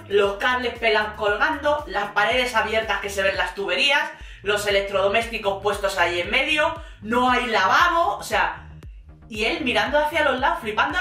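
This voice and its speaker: A woman's voice: on the high side, pushed and bright. A woman from Spain with a Spanish accent, recapping a reality show in casual, sarcastic commentary full of slang. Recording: echoey room, mic at a distance.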